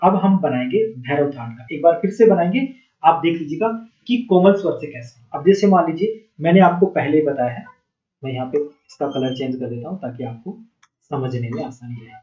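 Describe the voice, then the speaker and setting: A man's voice: a little high, moderate pace. A man teaching music theory, who asks the class questions and answers them himself. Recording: dull, echoey room sound.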